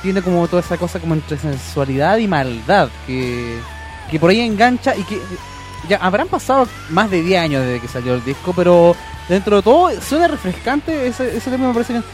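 A young Chilean man with a somewhat high voice talks easily as co-host of a radio music show. He often chimes in with quick agreement, with faint music under his voice. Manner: relaxed, agreeable, quick interjections. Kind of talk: casual radio chat about music. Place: radio studio.

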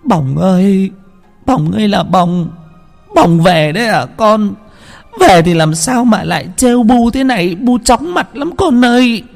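A man doing a shrill panicked village mother. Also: expressive, measured pace, creaky, faint music behind, heavily acted. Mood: wailing. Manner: shrill wailing falsetto. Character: panicked peasant mother, middle-aged woman.

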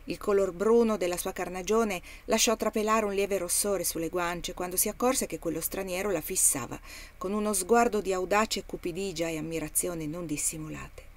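A woman reading a classic novel aloud as an audiobook, measured and expressive. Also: on the low side. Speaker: reader of a novel.

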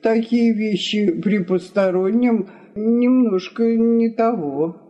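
A woman's voice: a little high, takes it slowly, warm tone, dull audio, voice pushed up. A woman reading aloud, voicing a male houseguest who answers with mock sympathy and irony. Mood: ironic. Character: ironic gossipy male houseguest.

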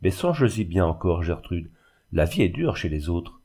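A man reading aloud and voicing a gentle, dreamy young man who speaks softly and with worry. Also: deep voice, sing-song, moderate pace, slightly rough, full character voice. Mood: anxious. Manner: soft, worried.

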